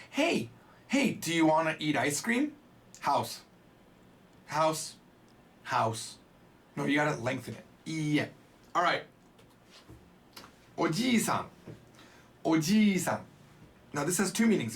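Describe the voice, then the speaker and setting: Playful man teaching Japanese, lively pitch. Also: vocal fry. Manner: playful, jokey asides. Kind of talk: casual spoken lesson.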